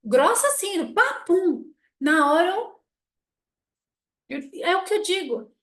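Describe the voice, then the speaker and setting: A woman's voice: very high-pitched, slow. A middle-aged woman giving a casual spoken lesson, blunt and self-mocking, acting out the people in her stories. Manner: animated storytelling, acting out quoted people. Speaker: family constellation teacher.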